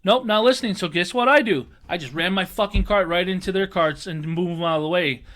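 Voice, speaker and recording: A man co-hosting a podcast, ranting casually and swearing freely, mocking people in high put-on voices. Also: a little fast, sharp tone. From Chicago area, US. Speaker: podcast co-host. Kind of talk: casual profane rant.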